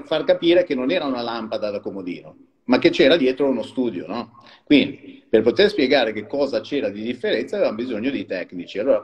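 A man's voice: mid-range voice, a little mellow, lo-fi sound. Chatty man in a reverberant room. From Liguria. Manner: explanatory, chatty, laughs often. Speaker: founder of an underwater wine cellaring company. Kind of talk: live-stream interview conversation.

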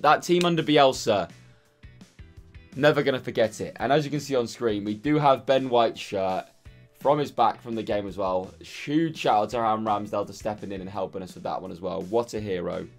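Young guy vlogging from his room, voice hoarse n tired, casual, bit of music behind. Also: mid-range voice. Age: 20s. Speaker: football vlogger. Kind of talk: casual talk to camera. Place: small furnished room indoors.

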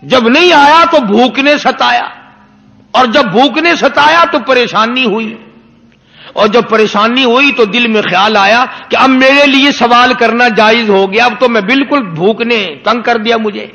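A male preacher telling a moral story in an impassioned sermon, with rhetorical questions and drawn-out emphasis. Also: very high-pitched, creaky, sharp tone. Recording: long hall reverb.

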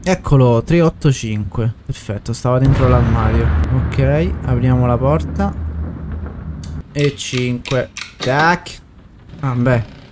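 A man commentating a horror game, swearing and yelling in fright. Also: medium pitch, slow pace, background noise. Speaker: gameplay streamer. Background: game music.

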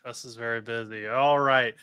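A man's voice: mid-range voice, steady tone, normal speed, sharp tone, clear, resonant tone. A man co-hosting a sports podcast, chatting casually about football news with frequent fillers and restarts. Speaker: podcast co-host.

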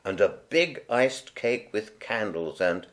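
A man reading a children's picture book aloud in a gentle, unhurried, expressive way. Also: on the low side. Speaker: storyteller. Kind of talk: read-aloud children's story.

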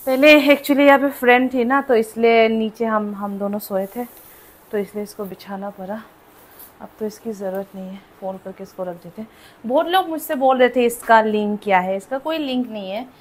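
A woman's voice: fairly high pitch, normal speed. A young woman vlogging casually from her small room at home, chatting to viewers and mixing English words into her speech. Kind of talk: casual vlog chat.

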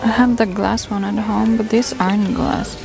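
A young woman vlogging casually while she shops and walks through a city, excitedly gushing over what she finds, recorded on a handheld camera. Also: medium pitch, moderate pace, gravelly, over music, rough recording. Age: young adult. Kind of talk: casual vlog narration. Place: shops and streets of a city, indoors and out. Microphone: handheld camera mic.

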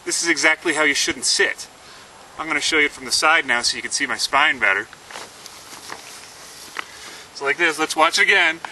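Man, product demo pitch, very bright tense voice, a bit far from the mic, faint outdoor noise. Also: normal speed, long pauses. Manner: earnest, demonstrative, talks through his movements. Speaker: inventor presenting his product.

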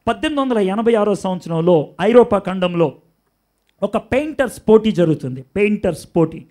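A man with a Telugu accent preaching a sermon, moving between hushed, intimate lines and shouted, dramatic ones. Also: high-pitched, expressive, brisk.

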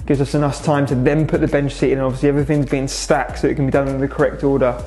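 A young man from England, who owns the restaurant, speaks to camera in a large indoor space about its renovation for a vlog update. His voice is mid-range, dark, flat and quick-paced, and his casual, matter-of-fact manner leans on "so" and "obviously." Soft music plays in the background.

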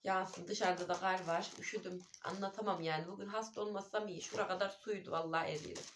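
A woman's voice: fairly low pitch, fairly even intonation, quick pace, noisy background. Woman, homey vlogger and mother, talkative, friendly address to viewers, phone-camera sound in a house. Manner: chatty, keeps calling viewers dear friends. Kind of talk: casual home vlog chat. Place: at home indoors.

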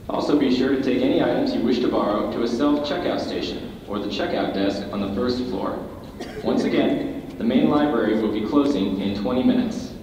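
A man making a polite, formal public announcement for a library, played over loudspeakers. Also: mid-range voice, recorded from a distance, slight background noise. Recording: dull, echoey loudspeaker in large room from afar.

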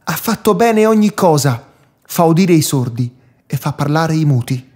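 A man's voice: fairly high pitch, animated, measured pace, warm tone. A man reading the exclaimed words of an astonished crowd in a Bible reading. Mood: amazed. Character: amazed crowd of villagers.

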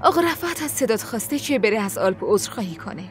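Brief: high-pitched, reproachful young wife, soft music under the dialogue. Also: female voice, sing-song. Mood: defensive. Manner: reproachful, pleading. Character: young wife, frustrated with selfish husband. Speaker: dubbing actor. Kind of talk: dubbed TV drama dialogue.

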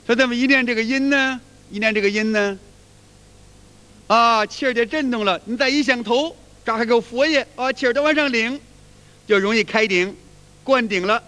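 An extremely high-pitched man speaks with a sharp tone at a moderate pace, leaving long pauses. He's a qigong teacher lecturing casually, folksy and repetitive, bursting into sung chants, all wrapped in long hall-style reverb.

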